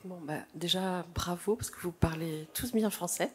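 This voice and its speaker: A woman hosting a panel talk in a chatty way and putting questions to the guests. Her voice sits a little low, with faint room noise behind her. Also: normal speed, a little mellow. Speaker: moderator, podcast host. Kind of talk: moderating a panel.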